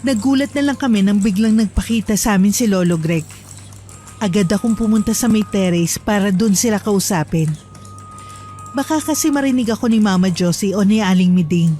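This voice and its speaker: A woman narrating a true horror story in a calm, earnest storytelling manner. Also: medium pitch, fairly quick, soft background music.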